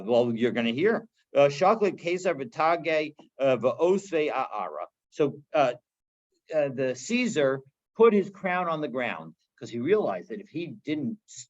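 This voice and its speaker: A man teaching a daily Talmud class, reading Aramaic phrases and translating them in a casual, halting way. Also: mid-range voice, sing-song, a little mellow, muffled recording.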